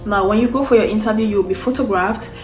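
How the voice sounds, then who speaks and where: A young woman from Cameroon talks casually through a step-by-step process, restarting and repeating herself as she works out each point. Her voice sits at a medium pitch and rings in an echoey room. Faint music plays underneath. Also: quick pace, darkish tone. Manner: unscripted, with restarts and repeated phrases while explaining steps. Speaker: vlogger. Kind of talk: casual explainer talk to camera.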